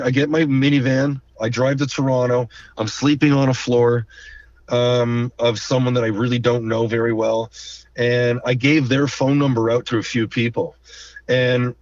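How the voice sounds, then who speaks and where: A man's voice: medium pitch, no echo. A man, a drummer being interviewed, telling stories casually and animatedly, acting out the voices of people he quotes. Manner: animated storyteller who acts out quoted voices and hums drum rhythms. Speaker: guest drummer. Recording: distant dull lo-fi mic.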